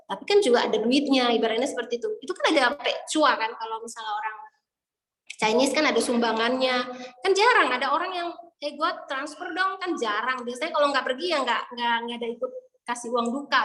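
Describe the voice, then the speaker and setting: A woman's voice: fairly high pitch, a bit bright. A woman giving a casual insurance sales training talk, explaining with chatty examples and asides. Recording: echoey room with long reverb.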